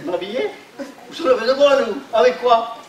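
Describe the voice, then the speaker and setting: A man's voice: very high voice, normal speed. A man acting in an amateur stage comedy, bumbling and adding "hein" to his lines. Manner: bumbling, tacks "hein" onto lines, laughs often. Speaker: stage actor playing a hapless man posing as a Swiss buyer. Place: theatre stage. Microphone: far room mic. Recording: roomy stage sound from far off, audience noise.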